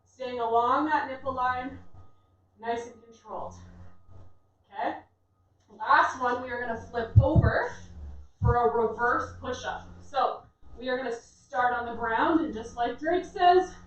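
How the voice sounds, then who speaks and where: A woman's voice: a little high, unhurried, long pauses. A woman fitness instructor giving workout instructions in an encouraging, reassuring way. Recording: echoey room, distant dull mic, faint noise.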